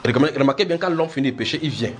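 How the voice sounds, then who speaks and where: A man's voice: on the high side, racing. French-speaking man preaching with faint noise. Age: adult. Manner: questioning, repeats words, animated. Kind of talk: Bible teaching with questions to listeners.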